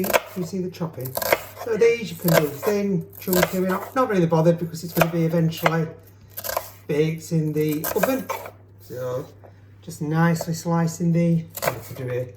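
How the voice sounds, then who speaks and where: Chopping sounds fill the background as this cooking show co-host talks and teases his partner during a home demo. His voice sits on the high side and moves at a moderate pace, captured in an echoey kitchen with background noise.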